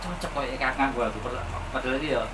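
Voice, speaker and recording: A man's voice: medium pitch, quick pace. A man, chatting at length as a barbershop customer. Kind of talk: casual chat. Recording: distant mic with loud background noise.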